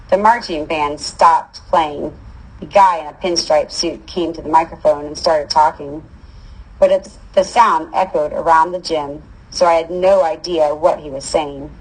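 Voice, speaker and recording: A woman's voice: deep voice, slightly rough, rough recording. A woman reading a first-person story aloud in a casual, wry manner. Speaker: audiobook reader.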